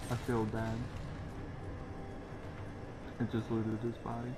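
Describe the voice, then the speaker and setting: A man's voice: lowish voice, monotone, takes it slowly, very noisy. A man giving casual, joking, offhand commentary as he hosts a video game playthrough. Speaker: gamer hosting a playthrough. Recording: loud game music behind voice.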